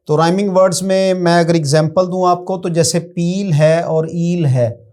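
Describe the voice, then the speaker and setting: A man from Pakistan with a Pakistani Urdu accent, giving a slow, explanatory classroom lecture to his students. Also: a little high, a little mellow. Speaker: teacher.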